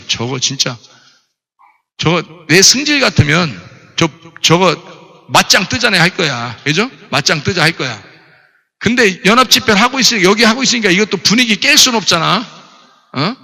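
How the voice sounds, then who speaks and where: A middle-aged man preaching a sermon, telling a story with animated delivery and asking the congregation questions. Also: high voice, fairly quick. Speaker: pastor. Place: church. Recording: church hall reverb.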